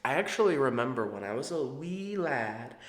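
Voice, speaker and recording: A man's voice: mid-range voice, sing-song, moderate pace. A man in his thirties hosting a video, talking in a casual, rambling, conversational way. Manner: digressive, conversational. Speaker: video channel host. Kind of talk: casual, rambling retro game commentary. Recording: roomy, echoing sound.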